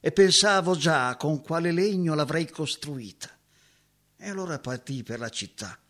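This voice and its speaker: An actor playing a heartbroken former woodsman, moving from hushed remembering to anguished cries. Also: fairly high pitch, lively intonation, unhurried. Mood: dreamy. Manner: emotional, swinging from hushed recollection to anguished cries. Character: heartbroken former woodsman haunted by lost love. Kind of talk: dramatic acting.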